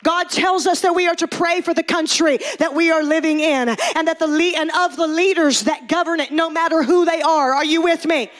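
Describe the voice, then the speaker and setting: A woman pastor preaching a fervent sermon in church, shouting and calling out to the congregation. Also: extremely high pitch, fairly even intonation, moderate pace, hardly any pauses. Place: church sanctuary.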